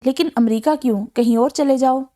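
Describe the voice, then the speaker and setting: A woman's voice: high-pitched, warm tone, lightly acted. A woman reading as a fretful older aunt. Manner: fretful and disapproving. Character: anxious older aunt, sour and cautious.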